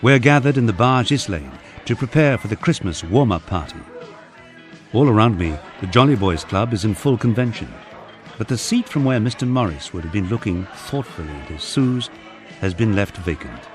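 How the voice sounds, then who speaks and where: Over soft music, a man from England reads his memoir aloud in a lowish, expressive voice at normal speed. His first-person audiobook narration has a wry, storytelling flavor.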